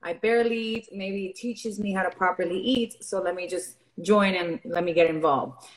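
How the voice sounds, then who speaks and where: This is casual interview talk from a young Venezuelan woman who coaches fitness and is guesting on a podcast. She speaks at a normal speed in a mid-range voice, earnest and open, with lots of filler words, over poor audio.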